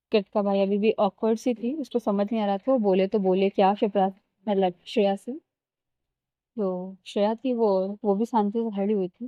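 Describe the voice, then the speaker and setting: A woman's voice: mid-range voice, mellow, no echo. Chatty woman narrating a love story. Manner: chatty, addresses listeners as guys, mixes English. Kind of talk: casual spoken story narration. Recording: slightly dull lo-fi recording.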